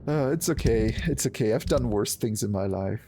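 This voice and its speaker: Male game streamer, self-deprecating casual chat with a lively pitch and faint hiss behind. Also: moderate pace. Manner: self-deprecating, laughs often.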